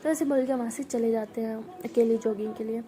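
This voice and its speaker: A woman's voice: fairly high pitch, steady tone, brisk, warm tone. A woman casually telling a love story, chatty and acting out the dialogue.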